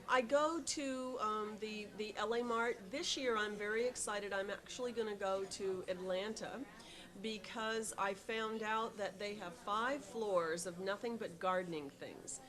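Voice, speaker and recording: A middle-aged woman who runs a tea shop, answering interview questions with many ums and restarts and an eager tone. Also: medium pitch.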